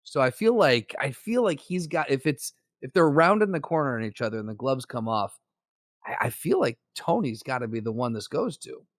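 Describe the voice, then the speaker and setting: The medium-pitched voice of a man co-hosting a podcast comes at a normal speed as he casually argues a point, animated, joking, and swearing freely. The recording is dry and studio quality.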